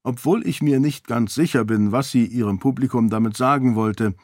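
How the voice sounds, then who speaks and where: A man's voice: medium pitch, moderate pace, darkish tone, dry recording, studio quality, close to an everyday voice. A man voicing a wry young cousin who tells stories with a straight face. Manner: wry, amused.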